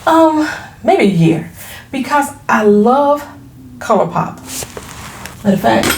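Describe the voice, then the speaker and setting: A woman's voice: a little high, big pitch swings, takes it slowly, creaky, darkish tone, reverberant, a little hiss or hum. A woman in her forties, a small business owner, chatting frankly to camera at home, laughing easily and using casual slang. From Florida. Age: 40s. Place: her home, products on shelves behind.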